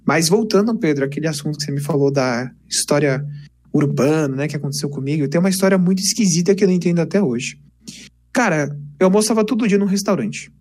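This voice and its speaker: A young man, casually telling lively stories on a podcast. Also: a little high, fast. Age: 20s. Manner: animated, chatty, peppers speech with "cara". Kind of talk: casual storytelling chat.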